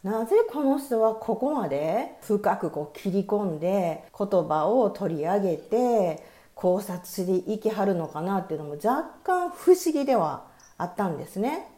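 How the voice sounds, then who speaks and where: Gentle Kansai-accented woman co-host. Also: mid-range voice, sing-song, a little slow, hardly any pauses, roomy sound. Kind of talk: radio talk.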